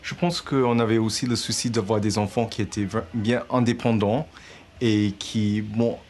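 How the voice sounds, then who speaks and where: A man's voice: fairly low pitch, fairly even intonation, moderate pace, a little mellow, a little hiss or hum. A man interviewed as a parent, speaking thoughtfully and searching for his words. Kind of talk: reflective interview speech.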